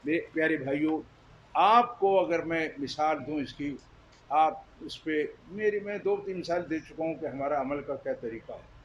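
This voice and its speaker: A man's voice: a little high, slight background noise, low-quality recording. A man preaching a sermon, emphatic and questioning his listeners directly. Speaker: Islamic preacher. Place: Jeddah.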